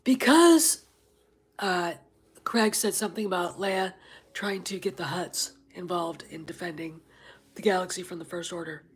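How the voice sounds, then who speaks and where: A little slow and fairly low in pitch, this woman's very husky, near-whispering voice carries a casual livestream. She's somewhat stuffed up, rambles with many fillers, and breaks away to greet chat viewers.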